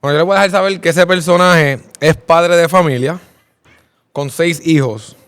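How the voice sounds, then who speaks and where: A man's voice: on the high side, normal speed, fairly bright tone, clean tone. A man hosting a casual interview, upbeat and often tagging his sentences with a questioning filler. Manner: upbeat, repeats "¿verdad?" as a filler. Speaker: interviewer host.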